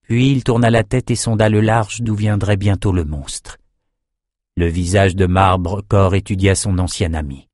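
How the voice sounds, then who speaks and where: A man narrates a dark fantasy audiobook in a measured, grave way. His voice sits low, and the recording is dry and close with no room sound. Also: steady tone, no echo. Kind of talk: scripted narration.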